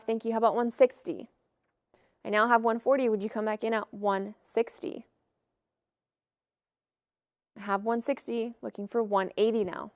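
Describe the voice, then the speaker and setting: A woman auctioneer calling bids in a live auction with brisk, formulaic patter. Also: medium pitch, clear, resonant tone, no echo, studio quality.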